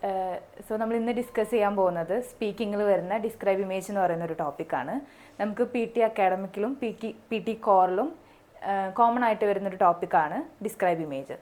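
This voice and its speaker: A woman's voice: medium pitch, brisk, a little mellow. A woman, tutoring for an exam in a casual video lesson, repeating her points with frequent fillers.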